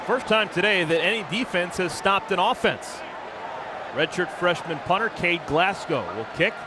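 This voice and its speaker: A man's voice: sits high, expressive, moderate pace, background noise. A man calling an American football game live as the play-by-play announcer on a broadcast.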